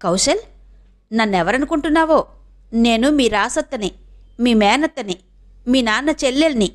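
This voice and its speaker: A rustic, impatient village mother with blunt, loud speech and a raised voice, as a woman reader puts her on in a storybook reading. The tone sits fairly high and pushes forward. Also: lively intonation, normal speed, natural voice. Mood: eager. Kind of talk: audiobook character reading.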